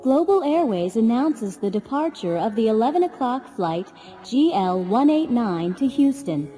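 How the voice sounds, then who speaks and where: A woman's voice: on the high side, big pitch swings, unhurried, warm tone, big-room sound, faint music behind, low-quality recording. A woman reading formal flight announcements over an airport intercom. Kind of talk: scripted textbook announcement.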